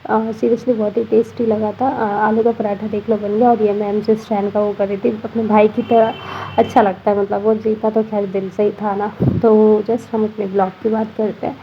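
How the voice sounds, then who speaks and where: A woman's voice: mid-range voice, level tone, moderate pace, lo-fi sound, slight background noise. A tired young woman with a slight cold, narrating her daily vlog in a chatty voice-over full of fillers. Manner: chatty, frequent fillers like 'matlab'. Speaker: vlogger. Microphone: voice-over recorded separately.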